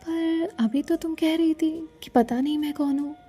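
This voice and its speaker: Woman reading the story as a quiet dry young woman, short answers, high and mellow voice. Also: moderate pace, faint music behind, close to an everyday voice. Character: calm reserved young woman, dry and curt.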